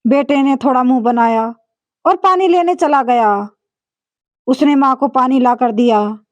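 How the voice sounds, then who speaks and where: A woman narrating a moral story in a calm, plain storytelling manner. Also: sits high, a little slow, no echo, highs cut off.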